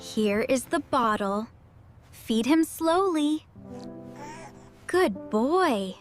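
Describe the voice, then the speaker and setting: A woman voicing an excitable, bossy young girl babysitting her baby brother in a slow learner's story. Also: sits high, soft background music, heavily acted. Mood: busy. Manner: exclaiming, bossy, clearly enunciated.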